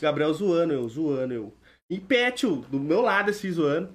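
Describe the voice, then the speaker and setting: A young Brazilian man with a Brazilian accent recounts a school fight in loose slang. His voice sits on the high side. He talks in jokey, defensive banter among friends on a podcast. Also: animated, moderate pace. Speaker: podcast guest. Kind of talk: casual storytelling among friends.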